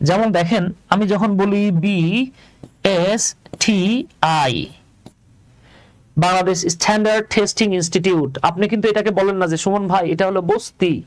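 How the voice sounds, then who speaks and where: A man's voice: high voice, steady tone, fast, few pauses, no room sound. A Bangladeshi man teaching English in a live online class, explaining step by step and asking his students questions.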